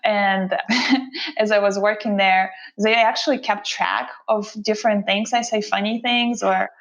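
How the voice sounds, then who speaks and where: A Russian woman with a Russian accent, guesting on an interview, reflects on her career in an unhurried way, with fillers and restarts. Her mid-range voice holds a steady tone, and the recording sounds lo-fi.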